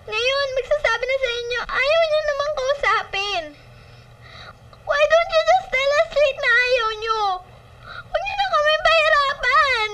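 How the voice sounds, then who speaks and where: Tearful teen daughter, very high bright voice, film drama. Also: female voice, fairly even intonation, unhurried, few pauses, recorded from a distance, slight background noise, full character voice. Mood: pleading. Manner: pleading, tearful, whiny. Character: pleading teenage daughter caught between parents.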